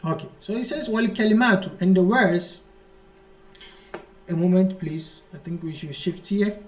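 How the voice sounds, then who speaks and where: A man with a high voice teaches an Arabic grammar lesson in a room with strong echo. He explains slowly and repeats key terms, reading the Arabic text out fast and then translating it into English at an unhurried pace. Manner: slow, repetitive explanation, mixing English with read-out Arabic.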